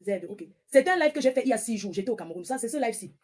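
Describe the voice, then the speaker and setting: A woman in her forties from northern France rants confrontationally on a live stream as a social media livestreamer, scolding and repeating her points. Her voice is fairly high, animated and rapid-fire, with a darkish tone.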